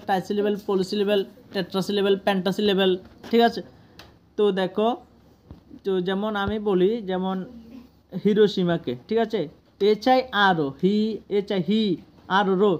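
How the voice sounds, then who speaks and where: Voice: mid-range voice, darkish tone, slight background noise. Bangladeshi teacher explaining English word by word. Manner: explains each word slowly, often asks "ঠিক আছে?". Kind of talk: classroom lesson explaining an English text.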